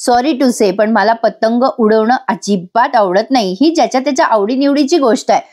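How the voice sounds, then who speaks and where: Woman from Maharashtra, slightly high voice, chatty serial recapper who talks straight to viewers. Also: normal speed, darkish tone. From Maharashtra, India. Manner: chatty, addresses viewers directly. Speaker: TV serial episode reviewer. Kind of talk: voice-over episode recap.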